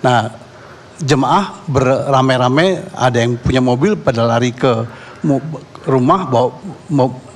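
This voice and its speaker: Halting middle-aged-sounding Indonesian man, eyewitness. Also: medium pitch, big-room sound, slight background noise. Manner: halting, repeats and restarts words. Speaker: neighborhood head and eyewitness guest. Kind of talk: eyewitness account on a talk show.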